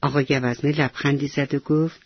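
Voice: medium pitch, little pitch movement, no room sound, highs cut off. A storyteller telling a bedtime story to children in a tender, affectionate way.

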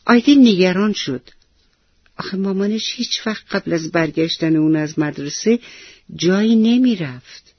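A woman's voice: on the low side, slightly rough, no echo, highs cut off. A woman narrating a children's story expressively and speaking directly to young listeners.

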